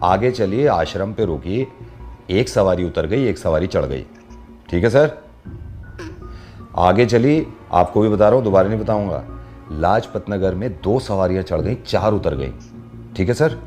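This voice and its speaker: A male radio host chatting playfully with a caller, telling jokes and riddles in a teasing, animated way. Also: low voice, unhurried, long pauses, faint music behind. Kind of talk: playful prank call chat.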